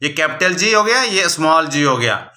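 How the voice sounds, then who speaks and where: A man teaching English letters to young children, patient and repetitive, slowing down to spell out each letter at the board. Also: fairly high pitch, sing-song, bright, forceful tone, roomy sound. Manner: patient, repeats "ठीक है बच्चों" often, slows to spell out letters. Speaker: primary school English teacher. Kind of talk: classroom lesson for young children. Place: classroom with a board.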